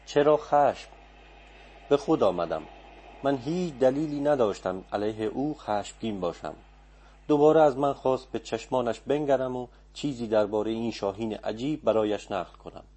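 A man reading a literary story aloud as an audiobook narrator, in a calm, reflective manner. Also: medium pitch, slightly rough. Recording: faint background music.

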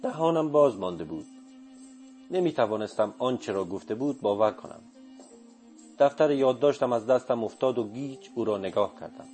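A man reading a first-person literary audiobook in a measured, even way. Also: lowish voice, soft background music. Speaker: audiobook narrator.

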